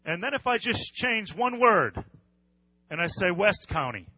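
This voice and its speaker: A man preaches a sermon in an earnest, measured way, pausing and repeating his phrases. His voice sits slightly high for a man. The recording is dry and a little dull. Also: big pitch swings, husky, no echo. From United States. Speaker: pastor.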